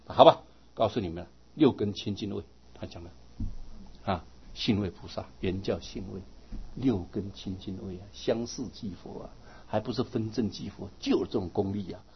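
A man giving a lively Buddhist dharma talk to his students, often asking them "right?" as he teaches. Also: lowish voice, normal speed, dull audio, a little hiss or hum.

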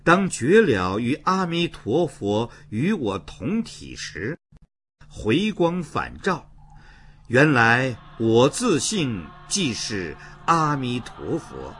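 A man giving slow, measured scripted narration about Buddhist chanting in a solemn manner. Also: medium pitch, huge pitch swings, fairly bright tone, husky. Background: music.

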